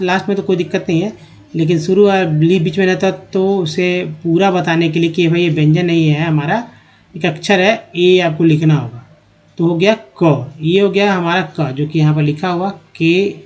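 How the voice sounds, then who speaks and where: A man teaching English reading in an online lesson, explaining letters and sounding out words slowly one by one while addressing viewers as friends. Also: sits high, low-quality recording. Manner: slow, drawn-out word-by-word pronunciation drills.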